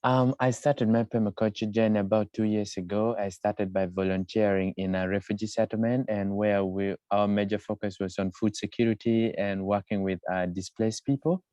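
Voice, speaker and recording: Casting: man, low and smooth, dry muffled call audio, measured with frequent pauses. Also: fairly even intonation, mellow, no echo. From Uganda. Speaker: permaculture project leader. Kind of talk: video call conversation. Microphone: video call.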